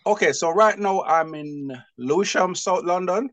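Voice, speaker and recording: A man's voice: high voice, normal speed, no room sound. Chatty Jamaican man, dry sound. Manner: chatty and lively, laughs easily. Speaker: guest, publisher. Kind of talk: casual interview chat.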